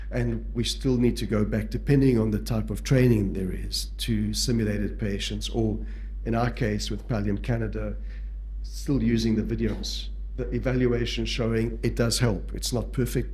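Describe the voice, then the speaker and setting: A South African man whose first language is Portuguese gives a conference lecture on palliative care in a South African accent. His voice is on the low side and warm, and he speaks in a measured way, pausing often with fillers and restarts.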